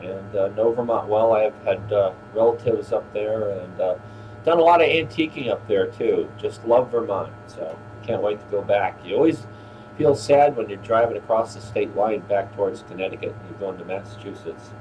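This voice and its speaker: A man's voice: fairly low pitch, normal speed. An older man hosting a ham radio exchange in a casual, courteous way, using radio procedure words. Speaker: radio operator hosting an on-air rally. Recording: clearly noisy, steady hum.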